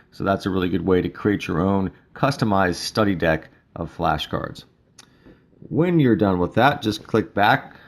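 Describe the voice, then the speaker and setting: A male instructor giving a relaxed, casual walkthrough of a mobile study app, with frequent fillers. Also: lowish voice, gravelly. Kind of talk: screen-recorded app tutorial.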